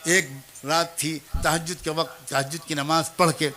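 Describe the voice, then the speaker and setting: A man's voice: a little high, flat delivery, sharp tone. A man preaching a storytelling sermon, earnestly telling a moral tale and speaking directly to mothers and young people, acting out the people in the story. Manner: acts out the child, teacher and mother in the story.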